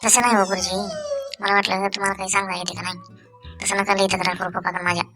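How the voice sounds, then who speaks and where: A woman's voice: mid-range voice, little pitch movement, fast, close to an everyday voice. Woman as a mischievous cartoon schoolboy, wheedling and pleading, over background music. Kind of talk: cartoon voice acting.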